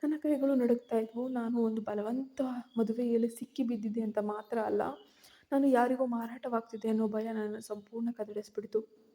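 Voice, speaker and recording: A woman's voice: a little high, steady tone, moderate pace, dark tone. A woman narrating a suspense story in the first person, with tense, fearful storytelling.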